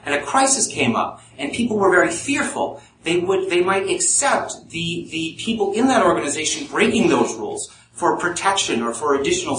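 Brief: man voicing a fearful catastrophizer, halting, higher pitched, echoey room at a distance. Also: a bit bright. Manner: nervous, halting, pitching up with worry. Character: anxious male catastrophizer, fearful and questioning. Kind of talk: live speech role-play. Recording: echoey room, mic at a distance, faint noise.

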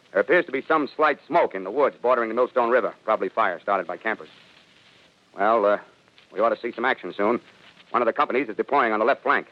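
A man's voice: on the low side, lightly acted. A man playing an army captain giving a clipped field report in 1930s radio drama style. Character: confident male army captain reporting from battlefield. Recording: dull vintage 1930s radio recording.

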